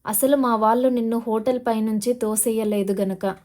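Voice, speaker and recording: A woman's voice: a little high, fairly even intonation, normal speed, a little mellow, close to an everyday voice. A woman narrator voicing a menacing male gold smuggler boss, taunting and demanding, in an audio novel. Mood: harsh.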